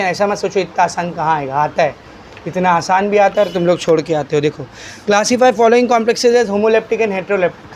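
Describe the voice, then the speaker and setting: A male chemistry teacher with a high voice lectures his class over slight background noise. He quizzes the students and answers his own questions, coaxing them along and calling them "beta."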